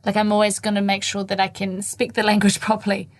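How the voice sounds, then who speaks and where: Woman cohost, kiwi accent, laughs a lot, animated stories, dead dry sound. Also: mid-range voice, fast talker, no room sound. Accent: New Zealand. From France. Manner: laughs often, animated storytelling. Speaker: podcast co-host. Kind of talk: casual chat.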